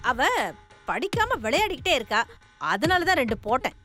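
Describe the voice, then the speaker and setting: A woman's voice: sits high, very animated, fairly quick. A middle-aged actress playing an anxious mother in a TV serial who pleads and tries to keep the peace. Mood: pleading. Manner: pleading, placating. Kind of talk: TV serial acting. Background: music.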